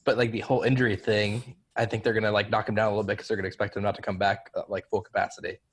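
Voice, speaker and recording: A young man co-hosting a casual football podcast, giving quick analysis full of "like" fillers. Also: fairly low pitch, slightly rough. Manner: quick, even-toned analysis with many "like" fillers. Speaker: podcast co-host. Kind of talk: casual sports chat.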